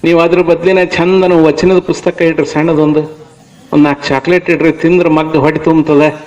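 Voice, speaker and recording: High-voiced preacher with a North Karnataka accent. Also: male voice, flat delivery, normal speed, a little mellow, muffled recording. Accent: North Karnataka Kannada. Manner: emphatic, full of rhetorical questions to the crowd. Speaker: religious discourse speaker. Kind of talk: devotional sermon to a village audience.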